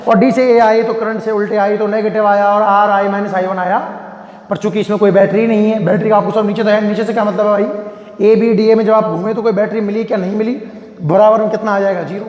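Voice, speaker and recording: Male physics teacher, high voice, asks and answers his own questions; roomy classroom echo. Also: flat delivery, fast, a little mellow, muffled recording. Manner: questions students and answers himself, repetitive. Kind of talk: classroom lecture at a board. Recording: echoey room with long reverb.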